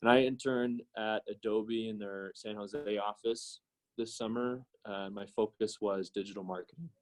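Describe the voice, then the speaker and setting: A man's voice: fairly low pitch, steady tone, normal speed, low-quality recording. A young man from Washington state introducing himself on a webinar panel, easygoing.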